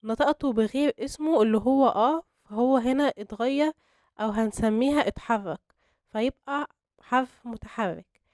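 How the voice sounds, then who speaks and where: A woman's voice: on the high side, darkish tone, no room sound, clean studio sound. Egyptian woman patiently teaching English basics. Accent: Egyptian Arabic. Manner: patient, step-by-step explanation with slow spelled-out examples. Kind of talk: explaining grammar to beginners.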